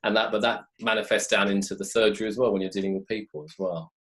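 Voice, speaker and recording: A man's voice: fairly low pitch, little pitch movement, fast, fairly bright tone. A man, a business advisor, making a point in a discussion with hesitant restarts, often checking with "okay?". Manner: hesitant, repeats words, says "okay?" often. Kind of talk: casual discussion.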